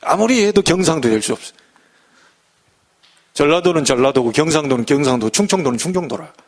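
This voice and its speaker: Male pastor, middle-aged, animated high-pitched delivery, humorous folksy sermon with rhetorical questions. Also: brisk.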